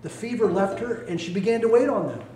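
A male pastor preaching a sermon, animated and swinging between loud calls and hushed asides, recorded in a church sanctuary. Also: sits high, quick pace, very noisy. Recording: echoey room, mic at a distance.

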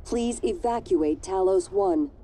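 Calm station computer. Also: female voice, medium pitch, a crowd in the background. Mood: calm warning. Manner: even, measured, unhurried warnings. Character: calm female space station computer announcer.

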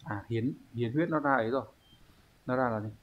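A man teaching an online language lesson, explaining step by step at an unhurried pace and thinking aloud with pauses. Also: mid-range voice, highs cut off, a little hiss or hum. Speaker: Japanese teacher.

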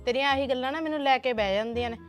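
An actress playing a sharp-tongued village wife in a comedy sketch, scolding and sarcastic. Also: female voice, high voice, very fast, faint music behind, lightly acted. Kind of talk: rural comedy sketch acting.

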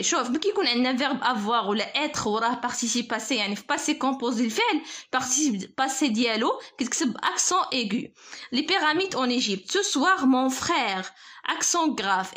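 A woman with a Moroccan Arabic accent teaching a spelling lesson, slowly and carefully dictating words for pupils to copy. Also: sits high, fairly bright tone. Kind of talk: French spelling lesson explained in Darija.

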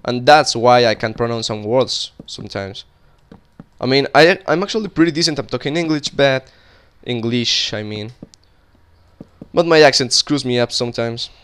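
Talking while he plays, this young gaming video creator with a Colombian Spanish accent wanders between anecdotes and his current build, often starting sentences over. His clear, smooth voice has an ordinary pitch, lively intonation and a fairly bright tone, at a moderate pace.

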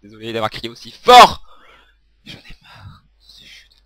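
A young man commentating his own gameplay, swearing, shouting at the game, laughing and half-singing to himself. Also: medium pitch, big pitch swings, unhurried, no echo. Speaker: gaming video creator.

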